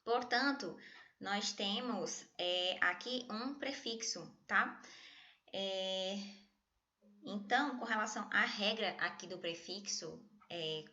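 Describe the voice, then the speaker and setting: Brazilian woman, teacher, online lesson, chatty, jokey, bright voice, lo-fi home recording. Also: mid-range voice, slow. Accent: Brazilian Portuguese. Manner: chatty, jokey, addresses students as "gente".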